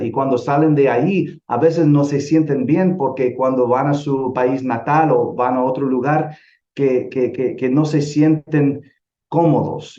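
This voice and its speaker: A middle-aged man from El Salvador giving an earnest church missions lecture, often pausing and restarting phrases. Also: mid-range voice, dark tone. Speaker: missions teacher. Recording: roomy, dull lo-fi sound.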